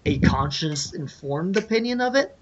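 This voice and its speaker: A man's voice: a little high, lively intonation, normal speed, breathy edge. A man in a casual podcast chat, giving blunt, emphatic opinions. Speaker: podcast co-host. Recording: dull lo-fi audio.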